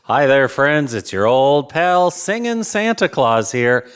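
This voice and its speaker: A man's voice: mid-range voice, big pitch swings, clear, resonant tone. A man playing a jolly, kindly old Santa Claus who reads to young children in an eager, emphatic storybook manner. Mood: jolly, excited. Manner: exclaiming, chuckling, drawn-out emphatic phrasing. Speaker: host of a children's read-aloud show.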